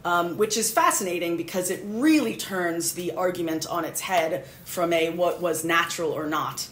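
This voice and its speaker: A woman with a fairly low voice explains biology as a podcast guest, dropping in dry sarcasm between her fillers. The sound carries a roomy echo with faint noise behind. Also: moderate pace, a bit bright. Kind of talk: casual explanatory interview.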